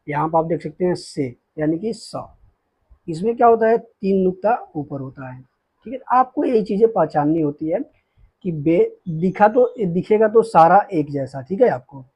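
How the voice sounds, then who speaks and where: A man teaching beginners the Urdu alphabet, patiently explaining each letter and often checking with a quick "okay". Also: sits high, husky, lo-fi sound. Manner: slows down to spell out letters.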